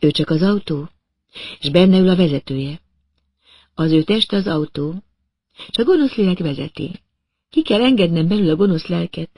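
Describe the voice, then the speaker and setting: A man puts on a high, pressing voice for a deranged young woman in an audiobook, fixated and menacing, her lines coming in a feverish rush. It is a dry, close recording. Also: pauses often, a little mellow, dry recording. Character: unhinged young woman, obsessive and vengeful. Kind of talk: audiobook reading.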